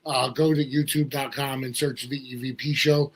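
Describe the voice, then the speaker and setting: A man's voice: medium pitch, little pitch movement, moderate pace, breathy edge. A man from the US Northeast hosting a casual talk show, his voice not quite at full strength. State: voice slightly off, not fully recovered. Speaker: podcast host.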